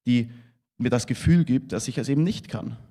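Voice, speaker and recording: A man's voice: mid-range voice, normal speed, warm tone, lightly acted. A man reading the lines of a young Hungarian chauffeur who answers tersely and guardedly.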